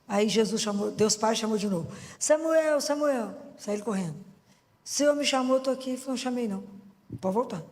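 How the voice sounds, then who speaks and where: A woman's voice: medium pitch, quick pace. A woman gives a casual faith talk in a church hall, where a long reverb trails after each phrase. She tells stories animatedly, acting out the voices of the people in them and drawing her listeners in with questions. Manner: lively storytelling, acts out voices, asks the audience questions. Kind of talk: informal religious talk.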